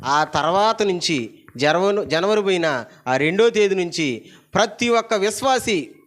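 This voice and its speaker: Pastor preaching, pitch climbing to shouts. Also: male voice, lively intonation, unhurried. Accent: Telugu. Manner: calls the congregation to repeat and shout, pitch climbing loud. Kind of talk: sermon. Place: church hall.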